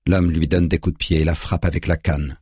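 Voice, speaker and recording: A man narrating an audiobook in a grave, measured way, recorded on a close studio mic. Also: very deep voice, little pitch movement, mellow, slightly rough, no room sound.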